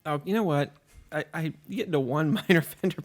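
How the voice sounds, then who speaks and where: A man's voice: fairly high pitch, fast talker. A man co-hosting a casual podcast, rambling and joking while eating into the microphone. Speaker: podcast co-host. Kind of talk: casual chat. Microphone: studio microphone.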